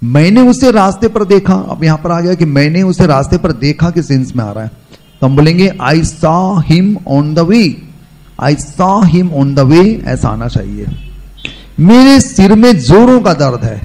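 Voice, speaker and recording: A man teaching English in Hindi, who draws out each example sentence slowly and explains more quickly, often addressing viewers as friends. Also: a little high, big pitch swings, a little mellow, faint music behind, rough recording. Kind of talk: spoken English lesson in Hindi.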